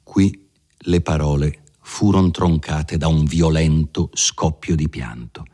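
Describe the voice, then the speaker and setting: Male audiobook narrator, very deep voice, measured, expressive classic novel reading.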